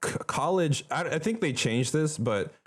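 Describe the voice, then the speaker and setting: A young Filipino man co-hosting a podcast chats casually in an informal, emphatic, slangy style. His voice is a little high and expressive, at a moderate pace.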